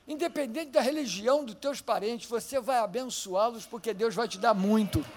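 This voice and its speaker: A man with a Brazilian Portuguese accent preaches a sermon in a very high-pitched voice at a moderate pace. He swings between fervent shouting and quiet teaching, acting out Bible stories along the way.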